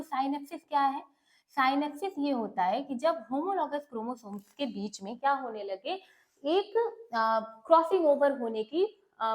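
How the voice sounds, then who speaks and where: A woman teacher speaks in a high, clear voice. She walks through the lesson step by step, posing questions and answering them herself while mixing Hindi with English terms. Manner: explains step by step, asks and answers her own questions. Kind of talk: bilingual classroom lecture.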